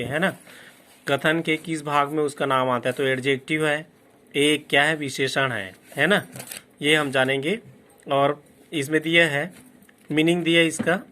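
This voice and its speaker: A man teaching a lesson on reading a dictionary in his English words. He checks in with "है ना" after each point and slows down to spell out English terms. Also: fairly high pitch, bright, forceful tone. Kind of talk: classroom lesson explaining a dictionary.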